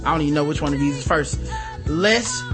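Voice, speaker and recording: A man's voice: on the high side, brisk, over music. A man hosting a radio show in an informal, slangy way, doing a playful contest promo for callers. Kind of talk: casual chat.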